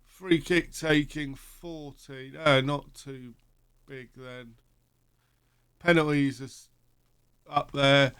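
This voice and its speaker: A man's voice: mid-range voice, steady tone, slow pace, pauses often, fairly bright tone, clean tone, no echo. A sleepy man casually commentating his football management game, rambling and thinking aloud with lots of fillers. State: sleepy, yawning. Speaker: gaming channel host. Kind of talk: casual let's-play commentary.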